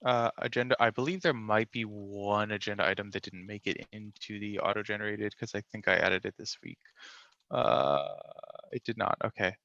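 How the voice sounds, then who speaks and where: A man chairing an online meeting in a casual, relaxed way. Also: fairly low pitch, moderate pace, gravelly. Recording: dull, dry call audio.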